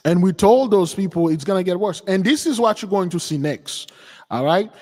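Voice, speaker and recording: A man's voice: high-pitched, lively intonation, normal speed, warm tone, in a large hall. A man hosting a religious commentary on news clips, talking in a scoffing, repetitive, conversational way. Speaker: host.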